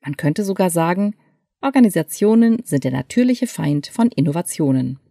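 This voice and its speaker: Female narrator, mellow lower voice, scripted essay read, dry booth. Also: expressive, dry recording. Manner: clear, measured reading. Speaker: article reader.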